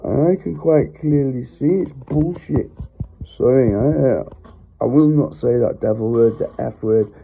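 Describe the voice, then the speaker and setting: Speaking unhurriedly in a creaky, husky, mid-range voice, a middle-aged religious vlogger rambles through a heartfelt sermon recorded on his phone. He often breaks off to apologize, and the audio has a tinny phone-line sound.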